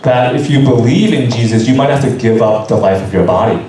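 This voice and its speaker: In a church hall, a man interprets a sermon into English phrase by phrase, sometimes restarting, with a crowd audible in the background. His voice is medium-pitched and fairly quick. The hall is very echoey, with a distant mic and faint hiss.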